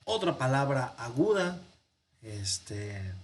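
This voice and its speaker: A man with a Mexican Spanish accent teaching a language lesson, slow and patient, thinking aloud with pauses. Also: medium pitch, sing-song. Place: parish classroom or home office.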